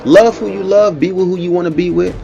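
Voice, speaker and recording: A man with a fairly high voice gives a loose, casual reaction commentary. He circles back on his points and keeps asking the listener if they follow, while faint music plays underneath. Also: fairly even intonation, brisk, gravelly, dark tone, muffled recording. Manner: conversational, repeats himself, frequent "you know what I'm saying".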